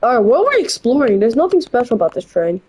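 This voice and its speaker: A woman's voice: fairly high pitch, very animated, fast, darkish tone, breathy edge, rough recording. A woman giving casual gameplay commentary, rambling with blunt, opinionated asides. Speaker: gameplay channel host.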